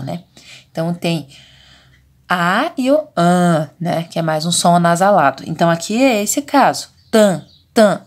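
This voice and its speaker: Brazilian preschool teacher, remote lesson, drawn-out syllables, keeps checking in. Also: female voice, fairly low pitch. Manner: patient, drawn-out sounding of syllables and vowels; frequent checking fillers. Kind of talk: remote lesson for young children.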